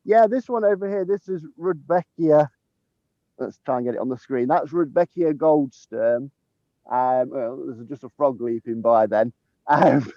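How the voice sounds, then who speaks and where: Easygoing gardener, dull lo-fi sound. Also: male voice, medium pitch, dry recording. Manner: easygoing, chuckles often, many ums. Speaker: head gardener. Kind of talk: casual garden tour chat. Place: outdoors in a sunny garden. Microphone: handheld phone camera while walking.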